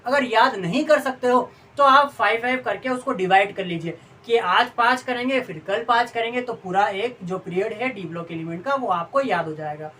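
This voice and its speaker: A woman teacher giving a patient online study lesson, often reciting long lists in steady pairs. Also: fairly high pitch, moderate pace, few pauses. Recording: distant mic, faint room noise.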